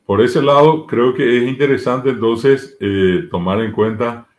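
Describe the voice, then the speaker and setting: A man with a Paraguayan Spanish accent, speaking at a mid pitch that is neither high nor low. He explains grammar patiently and step by step, working through spoken examples one by one, in the manner of a teacher answering in an interview. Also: a little slow, darkish tone. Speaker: Guarani language teacher.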